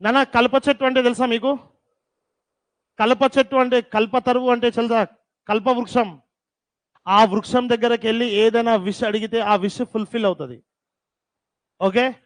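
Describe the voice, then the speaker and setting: A man teaching a class, dictating terms slowly and repeating them, with teasing scolds, in a classroom. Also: very high voice, fairly even intonation, no echo.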